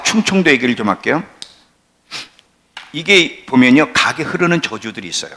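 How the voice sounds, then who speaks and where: A man in his sixties preaching a sermon as pastor, emphatic, swinging from near-shouts down to low, quiet asides. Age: 60s.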